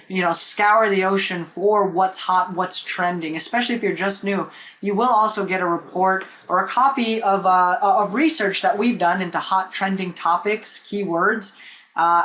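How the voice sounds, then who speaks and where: A man's voice: high-pitched, pushed and bright. A man, teaching a live online marketing webinar in a chatty way and often checking in with "okay?" and "right?", recorded on a desk webcam in a small room. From Philippines. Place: small indoor room with a whiteboard.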